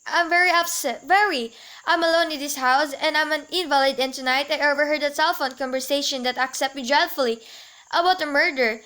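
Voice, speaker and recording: A teenage girl plays a nervous invalid woman, bedridden and alone, who talks in a high, bright voice. She is fretful and insistent, and her demands keep spilling over into panic. It is a school radio play. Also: brisk. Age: teens. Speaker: student actor.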